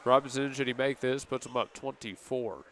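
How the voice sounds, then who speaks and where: A man calling a high school basketball game with steady, easygoing play-by-play commentary. His voice sits at a middle pitch. A faint hum of gym noise and bouncing balls runs behind him. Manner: steady play-by-play, casual asides and quick self-corrections. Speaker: play-by-play announcer.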